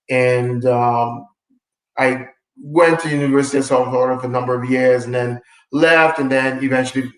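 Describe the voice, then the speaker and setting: A man's voice: mid-range voice, roomy sound, low-quality recording. A man from Trinidad and Tobago, co-hosting a live stream, introduces himself in a friendly, casual way with many fillers over a video call. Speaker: co-host.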